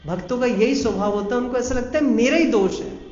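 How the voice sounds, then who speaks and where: A man telling a devotional story as a sermon, animated and full of rhetorical questions. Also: very high voice, a little fast. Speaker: preacher. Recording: echoey hall, dull sound.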